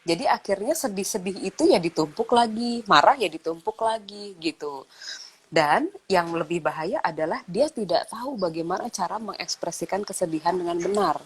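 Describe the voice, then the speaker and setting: A woman's voice: on the low side, normal speed, breathy edge. A woman in her thirties, a mother talking in a casual chat about raising children, often acting out quoted dialogue. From Indonesia. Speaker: guest speaker.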